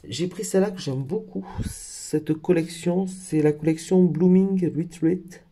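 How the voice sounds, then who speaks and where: A man talks casually through a craft haul and often stops to correct himself. His voice is gravelly and dark, and it sits a little high for a man. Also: unhurried, slight background noise. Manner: hesitant, with frequent fillers and self-corrections. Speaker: craft vlogger. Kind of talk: casual haul video show-and-tell.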